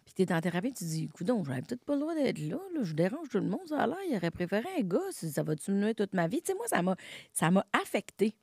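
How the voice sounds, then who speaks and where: A woman's voice: mid-range voice, very animated, quick pace, creaky, dark tone, breathy edge, dry recording. Québécoise lady gabbing away in an interview, jokey, lots of "tu sais", dry sound. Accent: Québécois French. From Quebec. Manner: chatty, laughing, self-deprecating, lots of fillers. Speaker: guest comedian. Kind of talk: casual interview conversation.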